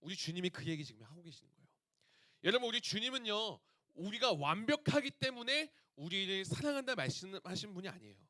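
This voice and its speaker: Lively youth preacher, man, high voice. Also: a little fast, no echo. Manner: lively, asks the audience questions. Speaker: youth pastor. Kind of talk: sermon to teenagers.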